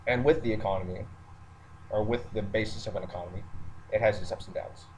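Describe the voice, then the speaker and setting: A military member who rants in online videos talks fast in a fairly low, slightly mellow voice, giving an unscripted, matter-of-fact monologue to listeners. He hesitates as he thinks aloud. The recording is low quality, with background noise and a roommate nearby.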